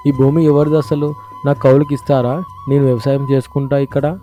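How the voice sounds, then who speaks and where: A man voicing a poor, bold young farmer in a storybook cartoon, answering with quick wit. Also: mid-range voice, level tone, warm tone, faint music behind, natural voice. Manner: bold, quick-witted replies.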